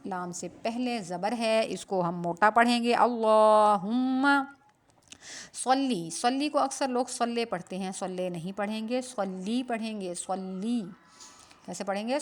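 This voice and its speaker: A woman teaching Quran pronunciation, patiently explaining each sound and then reciting it slowly. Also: medium pitch. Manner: patient and instructive, often asks then answers her own question. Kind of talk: pronunciation lesson with slow demonstrations.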